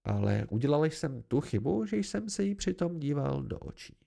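A man's voice: a little high, sing-song, creaky, mellow. A man giving an amateur first-person novel narration, reading expressively. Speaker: audiobook reader.

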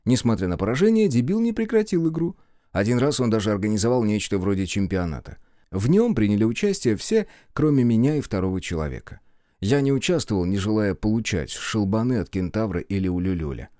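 A man narrating an audiobook in a lively, expressive reading style. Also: lowish voice, brisk, no room sound, studio quality. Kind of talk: expressive storytelling.

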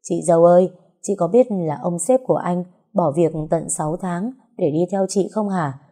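A chatty young man teases and grumbles in good fun, as a woman reads him aloud. The voice sits low and mellow, never sharp. It suits a storybook audiobook. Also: moderate pace. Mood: teasing. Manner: playful, complaining banter. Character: joking talkative young man, teasing friend.

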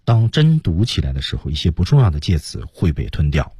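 A man teaching English on the radio with a husky, lowish voice and very lively pitch. He explains pronunciation step by step. The recording is dry and close. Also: a little fast, dry recording.

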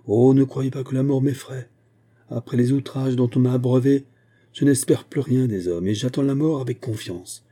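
A proud young woman, wrongly accused, answers earnestly and with emphasis, voiced by a man reading. Her pitch sits above his own, yet the tone stays dark and husky. It is a storybook reading. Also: steady tone, normal speed, lightly acted. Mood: defiant.

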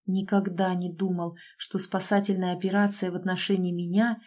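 A woman narrating a first-person audiobook story in a brisk, wry manner, voicing the dialogue herself. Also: fairly low pitch, little pitch movement, a little mellow.

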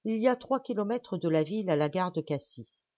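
A woman narrating an audiobook with measured, even storytelling. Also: on the low side, no room sound, lo-fi sound. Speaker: audiobook reader.

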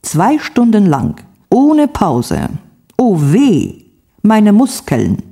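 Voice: mid-range voice, wildly swooping pitch, extremely slow, warm tone, slightly rough, voice pushed up, full character voice. A reader voicing a grumpy middle-aged sick man who groans and snaps, in a textbook story reading. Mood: explaining.

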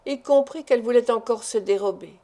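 A woman reads a classic novel aloud as an audiobook narrator, in a measured and deliberate way. Her voice sits somewhat high and has a soft, mellow tone. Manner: measured, deliberate literary reading. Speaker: audiobook reader.

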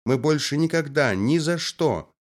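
A man's voice: on the high side, lively intonation, measured pace, pitched above the performer's own voice. An audiobook reader voicing a groveling male party official, pleading with overeager promises.

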